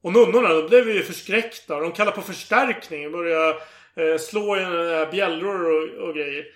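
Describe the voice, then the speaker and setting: A man retells a story in casual chat, animated and eager to act out each quoted line. His voice sits high. The recording has a noticeable room echo.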